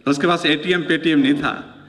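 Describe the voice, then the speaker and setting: High bright man telling comic stories. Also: steady tone, brisk. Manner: storytelling, playful, audience banter. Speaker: stand-up poet. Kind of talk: humorous Hindi poetry recital. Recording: long hall reverb.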